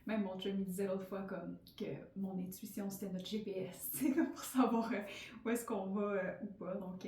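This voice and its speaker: A woman's voice: fairly high pitch, dark tone. A woman with a Québécois French accent, a podcast host in her thirties, sharing a casual, candid personal monologue full of fillers. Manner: chatty and candid, many fillers. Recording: roomy, slightly distant mic.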